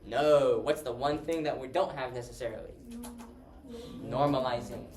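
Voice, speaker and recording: Speaking in a mid-range voice at a moderate pace over crowd noise, this man delivers a conversational math lecture and keeps asking the class questions. The recording, made on a distant room mic in a lecture hall, sounds roomy and remote, with a faint hiss.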